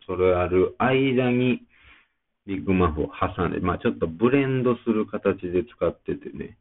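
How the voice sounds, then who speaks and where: A man with a Kansai accent talks alone in a relaxed, rambling way, stopping often on small fillers. His voice sits very low and has a gravelly edge. It comes through tinny, like a phone line. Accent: Kansai Japanese. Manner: rambling, chatty, many fillers. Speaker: podcast host. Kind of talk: casual solo talk.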